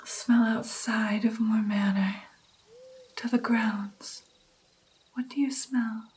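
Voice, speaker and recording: In an ASMR personal attention roleplay, a woman plays a gentle vampire mentor patiently training her new darkling. She speaks softly and breathily, mostly in whispers, coaxing and encouraging her pupil with pauses, her voice a little high and steady.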